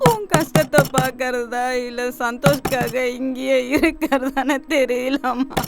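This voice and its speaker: Young wife, high voice, tearful and pleading, loud noise behind. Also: female voice, steady tone, measured pace. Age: young adult. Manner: crying, pleading. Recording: noisy film audio.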